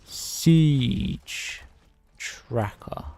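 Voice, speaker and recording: A man's voice: medium pitch, extremely slow, dark tone, no echo. A man casually chatting on a livestream from home, rambling between topics and greeting viewers by name. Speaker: livestreaming gamer.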